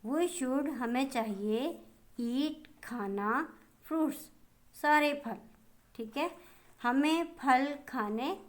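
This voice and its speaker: Slow-spelling woman teacher with Pakistani accent. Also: sits high. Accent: Pakistani Urdu. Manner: slow, spells words letter by letter and translates them; addresses pupils fondly as children. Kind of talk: online class lesson for young children.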